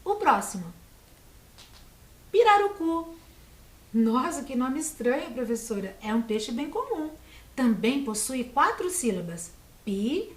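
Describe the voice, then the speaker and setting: Brazilian teacher lady talking to little kids, slow and sing-songy, kinda echoey room. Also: sits high, very animated. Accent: Brazilian Portuguese. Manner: slow, patient, encouraging, sounds out words. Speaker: primary school teacher. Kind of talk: teaching a video lesson to children.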